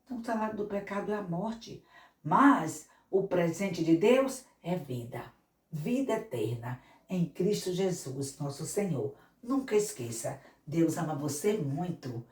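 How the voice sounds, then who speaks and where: A woman missionary telling a Bible story to children, animated and speaking to them directly. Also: lowish voice, measured pace. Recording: echoey room, mic far off.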